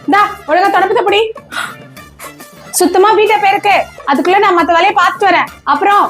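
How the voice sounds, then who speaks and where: Woman doing a bossy scolding mum, very high voice, faint music. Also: a little fast, fairly bright tone. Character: scolding mother, strict with daughter, doting on baby. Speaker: mother Sarala. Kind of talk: comedy skit dialogue.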